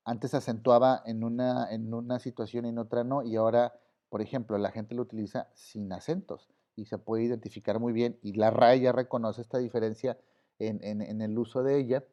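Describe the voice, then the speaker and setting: A man with a Mexican accent and a warm, mid-range voice teaches an online class in a relaxed style. His speech is full of fillers like "este," and the audio is slightly dull.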